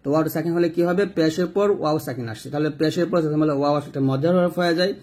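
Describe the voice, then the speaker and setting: Man, slightly high, husky voice, recitation teacher, spells letters then chants them slowly. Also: darkish tone. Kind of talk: step-by-step recitation lesson.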